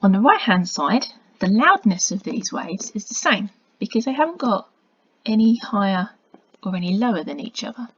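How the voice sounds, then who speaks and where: A woman's voice: medium pitch, big pitch swings, moderate pace, breathy edge. Woman teacher, dull lo-fi recording. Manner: patient and explanatory, with quiet muttered asides while drawing. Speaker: science teacher. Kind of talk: recorded video lesson narration.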